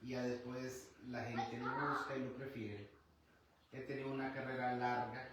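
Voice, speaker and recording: A man in his fifties, a guest in a livestream interview, speaking calmly and conversationally with pauses and fillers. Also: mid-range voice. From Honduras. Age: 50s. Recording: very echoey room, far from mic, some noise.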